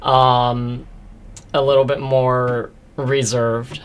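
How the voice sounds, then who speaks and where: A man in his thirties, a guest actor telling stories in a casual interview, open and quick, with playful quoted asides. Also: medium pitch, little pitch movement, clean tone. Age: 30s.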